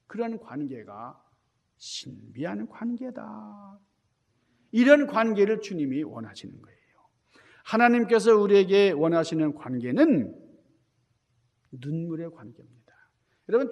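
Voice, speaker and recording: A male pastor delivers a dramatic sermon in a church sanctuary, pressing the congregation with rhetorical questions. His voice sits high and leaps about with lively swings. A long hall reverb hangs on every line. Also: creaky.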